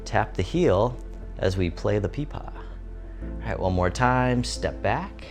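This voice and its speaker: A man giving serene, gentle tai chi instruction in short, soothing guided movement cues. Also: on the low side, animated, takes it slowly. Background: instrumental music.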